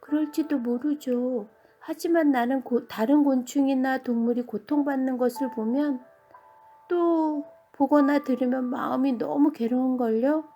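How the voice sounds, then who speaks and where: A woman reading a bedtime storybook, voicing a young, tender-hearted female bee who speaks softly and earnestly. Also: high-pitched, steady tone, measured pace, soft background music.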